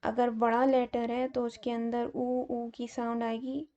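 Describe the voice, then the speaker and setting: Woman teaching grammar slowly, gravelly low-key voice, kinda dark tone, walks thru each example. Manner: slow, methodical explaining with fillers. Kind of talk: grammar lesson explaining examples.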